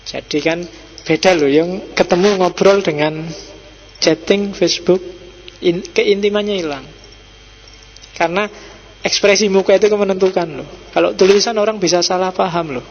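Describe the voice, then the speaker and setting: A man's voice: high voice, fairly even intonation, moderate pace, pauses often. Javanese-accented man lecturing in echoey hall. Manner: chatty, teasing, slips into Javanese asides. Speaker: philosophy lecturer. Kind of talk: relaxed Islamic study-circle lecture. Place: mosque hall. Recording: dull echoey hall recording with faint hum.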